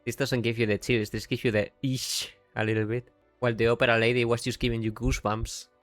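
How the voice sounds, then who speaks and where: A man's voice: mid-range voice, little pitch movement, fairly quick, a bit bright, no room sound, soft background music. A man with a Yorkshire accent, chatting casually while streaming a game, rambling and breaking off mid-sentence. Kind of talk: casual live-stream commentary.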